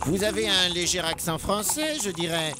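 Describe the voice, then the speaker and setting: A man's voice: high-pitched, moderate pace, close to an everyday voice. A man voicing a pompous, bumbling older male professor who speaks formally and hesitantly, in an amateur radio play. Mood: inquisitive. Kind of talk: amateur radio serial acting.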